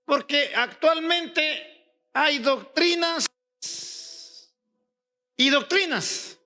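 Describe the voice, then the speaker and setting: A pastor from Ecuador preaching a sermon, firing rhetorical questions at the congregation and rising to shouts on key points. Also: male voice, very high-pitched, extremely slow, soft background music.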